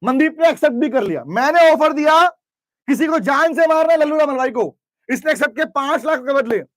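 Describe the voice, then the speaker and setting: Male lecturer with a very high voice and a dry sound, runs a lively class full of questions. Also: a little fast, dry recording. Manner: lively, questioning students, mixes English terms into speech. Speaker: commerce teacher. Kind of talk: classroom lecture with role-play. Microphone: camera recording in class.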